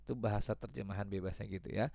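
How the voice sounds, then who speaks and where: A man's voice: fairly low pitch, steady tone, racing, gravelly, warm tone, dry recording. A man teaching English to children, patiently repeating each example and translating it. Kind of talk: explaining a grammar lesson to children.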